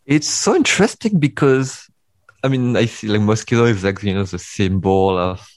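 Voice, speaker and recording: Vietnamese-accented male interviewer, lower register, hesitant casual delivery, dry sound. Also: expressive, normal speed, darkish tone, dry recording. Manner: hesitant, many fillers and restarts. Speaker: podcast host interviewer.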